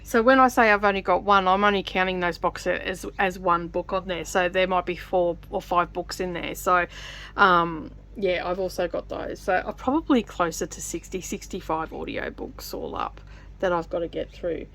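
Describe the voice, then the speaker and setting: A woman's voice: on the low side, a bit bright. Woman rambling casually while stitching. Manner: rambling, with many fillers and restarts; pauses to count stitches. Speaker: vlogger.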